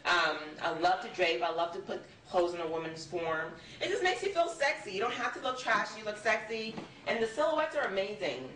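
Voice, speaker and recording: A woman from Liberia, a fashion designer, giving an emphatic, sassy pitch with playful rhetorical asides. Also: sing-song, brisk, a bit bright. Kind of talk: lively self-promoting pitch. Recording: roomy, distant mic, faint background noise.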